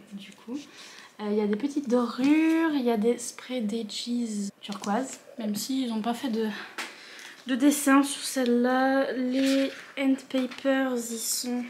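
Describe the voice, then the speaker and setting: Bubbly young woman gushing over books. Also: slight background noise. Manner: bubbly and gushing, quick bursts of excitement; talks to her dog in a higher voice. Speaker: book vlogger. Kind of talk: casual unboxing vlog. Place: at home.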